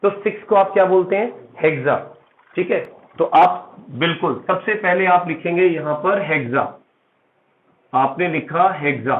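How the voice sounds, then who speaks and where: A man teaching chemistry to a class, walking through each step and checking that his students are following. His voice sits a little high for a man. The sound is thin and phone-like, with a noticeable room echo. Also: normal speed. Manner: explains step by step with frequent "theek hai" check-ins; addresses students as "beta". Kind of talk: classroom lecture.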